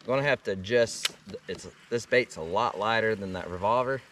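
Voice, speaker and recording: This kayak angler and vlogger speaks a bit fast in a lowish, slightly bright voice, chatting loosely and slangily while fishing on a river. A little hiss or hum comes through the kayak-mounted action camera, and at times he's far from it.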